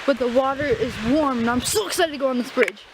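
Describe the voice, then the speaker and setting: Excitable young woman vlogging outdoors. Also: high voice, fast. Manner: excitable, breathless. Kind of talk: casual outdoor vlog. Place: outdoors by a waterfall in a jungle. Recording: noisy outdoor phone recording.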